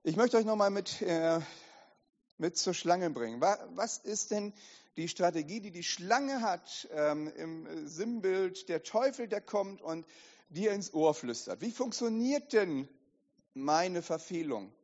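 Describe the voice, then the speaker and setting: A man preaching as a pastor, lively and direct, often asking the congregation questions, recorded in an echoey hall with dull sound. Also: high voice, takes it slowly. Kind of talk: sermon.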